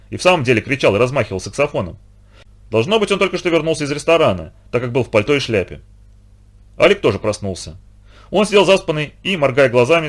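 A man narrating a children's audiobook in an expressive storytelling manner. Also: mid-range voice. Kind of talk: scripted narration.

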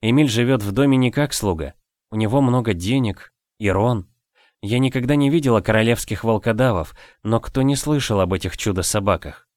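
A man's voice: lowish voice, a little fast, darkish tone, no room sound, studio quality, natural voice. A man voicing a timid, self-doubting young girl in an audiobook. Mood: hurt.

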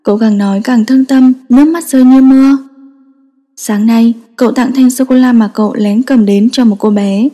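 A woman reading a story aloud as narrator, in steady scripted audiobook narration. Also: on the high side, moderate pace. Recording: long reverb.

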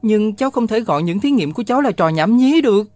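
A man's voice: sits high, animated, fast, a little mellow, no echo, soft background music, voice pushed up. A man voicing a stubborn young schoolboy who answers his grandmother in an earnest, insistent way.

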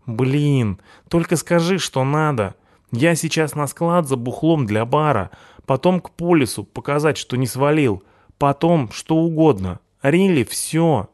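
A man's voice: a little high, expressive, a little slow, darkish tone, no room sound, clean studio sound, pitched above the performer's own voice. A man doing a gushing young punk guy. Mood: excited gushing. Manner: slangy, breathless gushing. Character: excitable young male punk, slangy.

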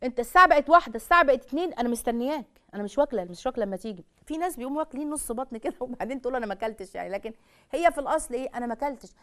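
A woman's voice: high-pitched, racing. A woman with an Egyptian Arabic accent giving a religious talk on marriage, asking rhetorical questions and speaking straight to her listeners. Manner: animated, rhetorical questions, addresses audience directly. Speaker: Islamic lecturer.

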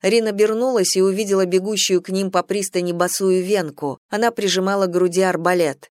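Audiobook narrator, even measured reading, mid pitch, dry close sound. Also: no room sound. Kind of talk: scripted narration.

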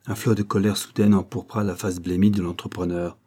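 A man reading audiobook narration in a measured, even way. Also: sits low.

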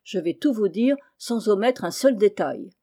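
A woman's voice: mid-range voice, expressive, a little slow, warm tone. A woman reading the part of an anxious middle-aged landlady and mother, agitated and earnest, in an audiobook.

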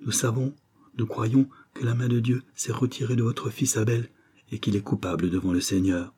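A man's voice: medium pitch, fairly even intonation, normal speed, warm tone, husky, close to an everyday voice. A man reading a novel aloud, voicing an earnest village priest who speaks in a solemn, insistent way. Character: earnest village priest, gentle yet grave.

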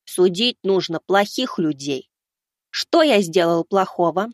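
A man voicing a stubborn, righteous young boy who shouts back in indignant defiance. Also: high-pitched, expressive, unhurried, dry recording, studio quality, pitched above the performer's own voice. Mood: questioning.

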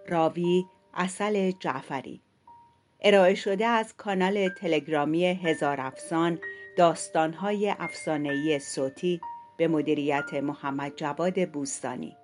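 A woman narrating a fairy-tale audiobook in a calm, measured storytelling voice. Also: sits low, faint music behind.

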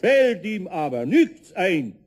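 An actor playing a stern, solemn Saint Nicholas in a radio play, speaking deliberately and admonishing in a husky voice. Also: male voice, high-pitched, big pitch swings, a little mellow, heavily acted. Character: stern, solemn Saint Nicholas, unhurried male judge of naughtiness. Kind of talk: German radio play acting.

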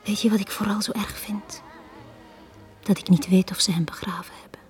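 In a 1980s Dutch-language radio drama, an actress with a Flemish accent plays a wistful woman confiding her past, delivering it intimately, almost in a whisper. Her voice is mid-range and natural, fairly even in intonation at normal speed, over soft background music.

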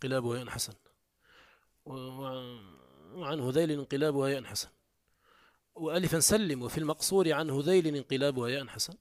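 A man's voice: mid-range voice, brisk, pauses often, no echo. Man teaching a classical text, dry close sound. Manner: reads a line of the text, then explains it, with frequent self-corrections. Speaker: teacher of Arabic morphology. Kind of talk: classical Arabic text lesson.

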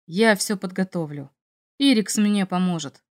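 A woman's voice: medium pitch, unhurried, lightly acted. A woman reading as a cocky young male dragon. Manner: teasing, self-assured. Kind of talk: audiobook character reading.

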